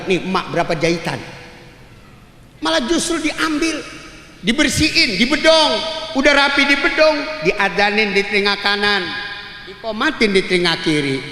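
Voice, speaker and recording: A male preacher delivers a joking sermon in a high, bright voice. He keeps drawing answers from his listeners and now and then chants to make a point. The sound carries the long reverb of a large echoey hall. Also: slight background noise. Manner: joking, calls out to the audience for replies; chants the call to prayer to illustrate. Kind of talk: humorous Maulid sermon. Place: large hall at a religious gathering.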